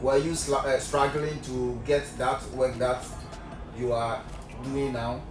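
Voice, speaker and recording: A man's voice: medium pitch, flat delivery, slow pace. A man hosting his channel, asking questions in a friendly way and often repeating himself. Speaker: interviewer, channel host. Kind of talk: casual interview. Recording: echoey room from far off with music.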